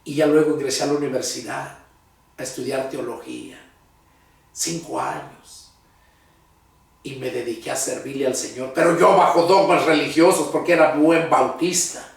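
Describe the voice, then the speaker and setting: A man's voice: medium pitch, steady tone, moderate pace, gravelly. An older man from Mexico with a Mexican Spanish accent, a pastor telling his personal testimony in an earnest, heartfelt way. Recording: very echoey room, voice far from mic.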